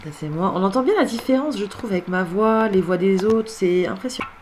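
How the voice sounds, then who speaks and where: A woman speaks at a medium pitch, fairly quickly and expressively, with heavy background noise behind her. She's a medium running spirit-contact sessions, musing casually as she replays recordings. She repeats aloud the words she hears and talks straight to the departed.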